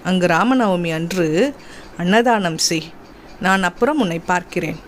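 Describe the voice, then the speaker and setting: A woman voicing a knowing, teasing male sage in a devotional story, speaking slowly. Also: lowish voice, a little hiss or hum, lightly acted.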